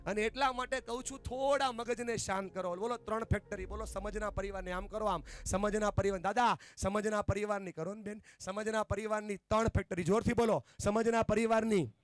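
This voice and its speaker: Energetic high-voiced male motivational speaker. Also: fairly quick, few pauses, soft background music. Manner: animated, leads the audience in call-and-response chants. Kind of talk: motivational speech to a family gathering. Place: outdoor party venue.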